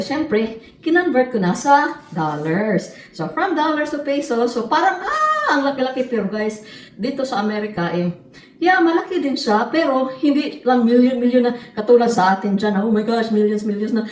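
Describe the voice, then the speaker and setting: A woman's voice: a little high, a little mellow, a little hiss or hum. A middle-aged woman from the Philippines, chatting and joking in a casual home vlog as she shows her new house. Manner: chatty, joking, mixes Tagalog and English. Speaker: vlogger. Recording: echoey room.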